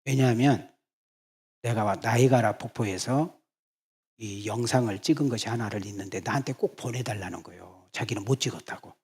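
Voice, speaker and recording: A man preaching as senior pastor, telling stories and calling out to the congregation in a lively way. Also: fairly low pitch, moderate pace, slightly rough. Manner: animated, calls out to the congregation and acts out quoted lines. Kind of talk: sermon with storytelling. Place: church sanctuary.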